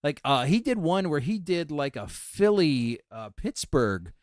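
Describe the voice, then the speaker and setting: A man's voice: a little slow, no room sound, studio quality. A man co-hosting a casual podcast chat, telling stories with lots of energy and acting out what others said. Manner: animated storyteller, acts out quotes in a high excited voice. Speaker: podcast co-host.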